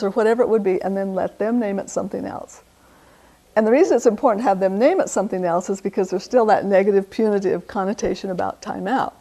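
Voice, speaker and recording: An older woman lecturing on parenting in a relaxed, conversational way. She uses casual fillers and acts out quoted lines of parent-child dialogue. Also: medium pitch. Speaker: parenting speaker.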